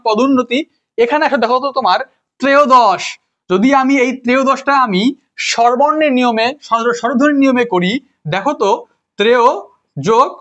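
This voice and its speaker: A high-voiced man with a slightly bright tone tutors grammar in an informal classroom lesson, addressing his students directly. He repeats words, asks rhetorical questions, and corrects himself, apologizing for slips, all on a dull lo-fi recording.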